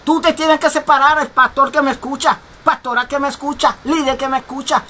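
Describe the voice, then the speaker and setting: A woman preaches a radio sermon in a high, bright, cutting voice. She drives her points home by repeating phrases, and every so often she breaks into a shout. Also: steady tone, a little fast. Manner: emphatic, repetitive, bursts of shouting.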